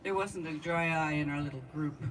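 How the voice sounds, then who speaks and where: A woman giving a memorial eulogy at an outdoor gathering, speaking straight to her departed friend with heartfelt warmth. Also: low-pitched, fairly even intonation, brisk. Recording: distant mic with outdoor noise.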